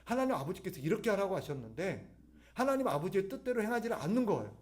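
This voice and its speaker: A man preaching at an evening church service in a fairly high, very animated voice that leaps up and down in pitch. He keeps asking the congregation questions and answering them himself, breaking into sudden forceful emphasis. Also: fast. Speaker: pastor. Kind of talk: sermon.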